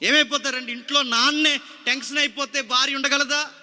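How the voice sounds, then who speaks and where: A man's voice: very high voice, steady tone, brisk, bright, forceful tone, long reverb tail, soft background music. A male pastor preaching a sermon, dramatic and full of rhetorical questions to the congregation. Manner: repeats scripture phrase by phrase after a reader.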